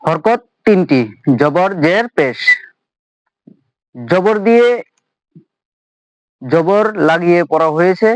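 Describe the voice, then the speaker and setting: A man teaching Quran reading, chanting each Arabic letter and its vowel sound in a steady drill. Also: high-pitched, slow, pauses often, dry recording, dull audio. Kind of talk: slow recitation lesson on Arabic letters.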